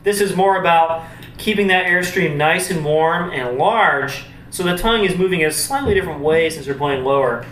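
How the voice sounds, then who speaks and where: Pitched on the higher side, his voice moves at a moderate pace and carries a little brightness. He's a brass instructor showing warmup drills to camera in an informal, talk-it-through style. The audio is roomy and distant, with slight noise underneath.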